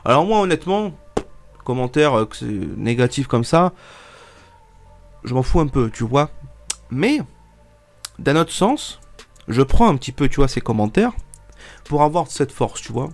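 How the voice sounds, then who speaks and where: This twenty-something YouTuber has a gravelly mid-range voice with a sing-song lilt, a measured pace and frequent pauses, with faint music behind him. He's congested from a cold and chats casually to viewers, rambling with plenty of fillers and restarts.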